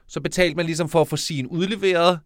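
A man with a somewhat high voice, chatting playfully as a podcast co-host. He reads listener stories aloud and acts out the quoted lines. The sound is close and dry, with no room echo. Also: steady tone. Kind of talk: casual comedic chat.

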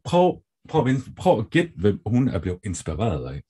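A Danish man co-hosting a podcast in casual chat, upbeat and lively, egging on his co-host. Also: lowish voice, breathy edge.

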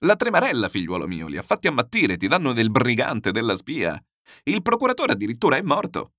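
A man voicing a loud, boastful, blustering landowner who rambles in shouts, in a storybook reading. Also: mid-range voice, huge pitch swings, brisk, dry recording, clean studio sound. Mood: boisterous.

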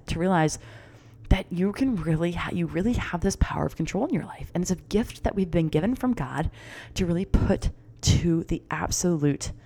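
A middle-aged podcast host and confidence coach talks solo in an upbeat way, coaching her listeners with bright, encouraging chattiness. Her voice sits slightly low for a woman, with easy fillers and rising enthusiasm.

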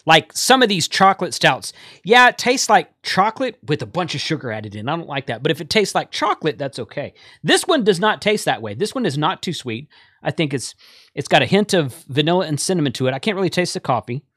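A man's voice: fairly high pitch, big pitch swings, brisk, fairly bright tone, no room sound, studio quality. A man hosting a livestream in a casual, conversational style. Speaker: livestream host. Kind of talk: casual chat.

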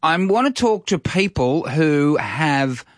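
A man's voice: fairly high pitch, animated, slow, no echo. A man co-hosting a drive-time radio show, teasing and chuckling through casual banter into a studio mic. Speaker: radio co-host.

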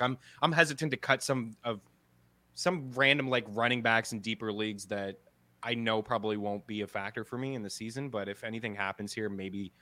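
Bright-voiced Canadian man chatting. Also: mid-range voice, no room sound. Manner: chatty, thinks aloud with quick restarts. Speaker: podcast co-host. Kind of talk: casual chat.

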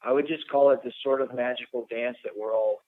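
A man in his fifties, a helicopter pilot with a fire department, answering interview questions thoughtfully and pausing to search for words. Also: mid-range voice, fairly even intonation, no room sound. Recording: tinny phone line.

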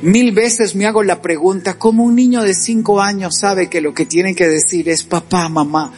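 A man's voice: high voice, moderate pace, darkish tone, soft background music. A man preaching a sermon, with rising and falling emphasis. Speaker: pastor.

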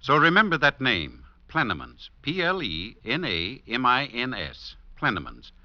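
An actor playing a reassuring family druggist in a chipper 1950s radio advertisement, with a polished sales delivery. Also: male voice, mid-range voice, very animated, measured pace, dry recording. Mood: upbeat, reassuring. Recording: muffled old radio recording.

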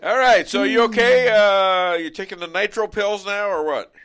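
A man hosting a call-in talk radio show who keeps the caller moving with quick agreeing interjections. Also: high-pitched, fairly bright tone, clear, resonant tone.

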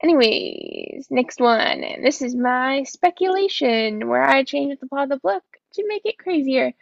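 A woman's voice: high voice, wildly swooping pitch, unhurried, vocal fry, no echo, dull audio. A woman co-hosting a casual book discussion, chatty and swearing, acting out quotes. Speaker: book podcast co-host.

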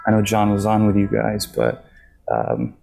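A man from Japan speaking in a hushed near-whisper, answering interview questions casually as an actor on a remote call from a hotel lobby. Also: on the low side, sing-song, measured pace, vocal fry, faint music behind.

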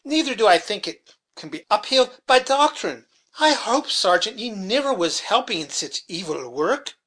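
A man's voice: high voice, very animated, moderate pace, pushed and bright, heavily acted. A man voicing a pious, scolding landlady with a rustic dialect, in an audiobook reading. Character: middle-aged female innkeeper, pious, scolding.

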